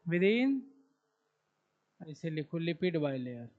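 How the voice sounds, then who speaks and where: A man with a Bihari Hindi accent, very high for a man, gives a slow, unhurried biology lecture. He quizzes the class and answers his own questions. The recording is dull and lo-fi. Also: expressive. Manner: asks the class questions and answers them himself; slow, repeats key terms while writing on the board. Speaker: biology teacher.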